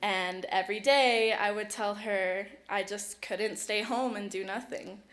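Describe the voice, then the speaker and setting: A woman's voice: medium pitch, steady tone, measured pace, fairly bright tone. Emotional teenage girl giving an acceptance speech. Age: late teens. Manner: chatty and emotional, filler-heavy, bilingual. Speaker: award recipient. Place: awards ceremony stage.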